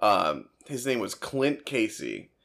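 A young man from Michigan co-hosting a podcast, telling animated stories and swearing freely in a casual chat over beer. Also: fairly low pitch, slow, creaky. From Dearborn, Michigan, US. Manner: animated storyteller, swears freely, laughs often. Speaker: podcast co-host.

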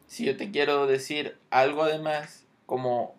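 A man's voice: on the high side, level tone, measured pace. A man teaching English grammar, explaining patiently and checking in often.

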